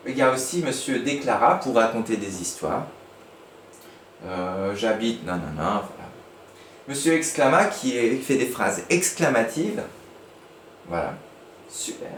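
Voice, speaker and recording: A man teaching a class of young children, lively and playful, with a medium-pitched voice. He is recorded in an echoey room with a faint hiss behind him.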